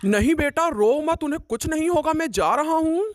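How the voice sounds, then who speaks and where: A woman voicing a calm, protective village father in a children's doll story, using a much lower voice than her own. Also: moderate pace, no room sound, studio quality. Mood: reassuring. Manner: soothing, reassuring.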